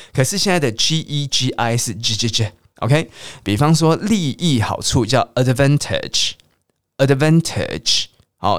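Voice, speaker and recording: A man teaching English pronunciation on a radio lesson, spelling out letters and repeating each word slowly for listeners to say aloud. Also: mid-range voice, no room sound, clean studio sound. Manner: drills words slowly and repeats them.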